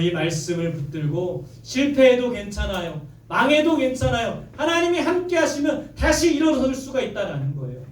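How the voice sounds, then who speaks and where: A male pastor delivering a sermon, reading scripture aloud and leading his congregation in call-and-response. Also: extremely high pitch. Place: church sanctuary. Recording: echoey church, mic at a distance. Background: congregation answering amen.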